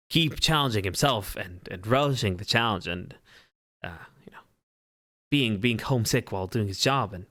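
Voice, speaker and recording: A man's voice: lowish voice, fairly bright tone, no room sound, clean studio sound. A man co-hosting a casual football podcast, chatting along with fillers and repeated words. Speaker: podcast co-host. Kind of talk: casual chat.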